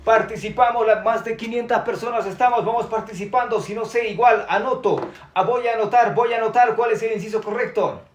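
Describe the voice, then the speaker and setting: A man's voice: high-pitched, fairly quick, few pauses, reverberant. A man teaching Quechua on a live stream, chatty and upbeat, reading out viewer comments and repeating words.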